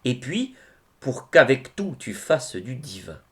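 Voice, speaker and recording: Speaking at a medium pitch, a man intones religious poetry in a solemn tone, his delivery measured and expressive with frequent pauses.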